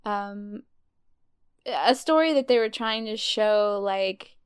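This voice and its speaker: A woman's voice: medium pitch, takes it slowly, clean tone. A woman co-hosting a podcast, chatting casually in a rambling way. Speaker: podcast co-host. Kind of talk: casual chat.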